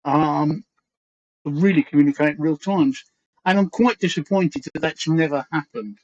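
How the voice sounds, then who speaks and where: This East London man in his sixties hosts a casual livestream chat with a London Cockney accent, earnest and rambling, repeating phrases as he thinks. His voice sits a little high and is a little mellow, at normal speed. The stream audio is dull and lo-fi.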